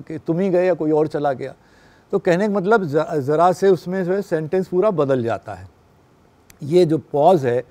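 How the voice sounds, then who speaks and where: A man lectures a class on radio production in a steady, explanatory way, often pausing to check that his listeners are following. His voice sits a little high but sounds warm and mellow.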